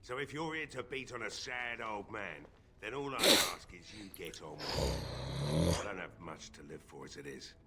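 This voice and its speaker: A man's voice: low voice, lively intonation, normal speed, creaky, heavy background noise. An actor playing a grieving, stubborn old male blacksmith who drinks, in a fantasy game, talking in a bitter, despairing, pleading way. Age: older.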